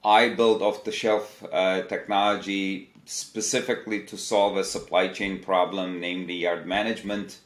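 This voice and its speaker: A man in his fifties from Turkey, a company CEO, answering interview questions in a measured, explanatory way. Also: low-pitched, little pitch movement. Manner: measured, explanatory, lists examples. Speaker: tech company CEO, guest. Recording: echoey room.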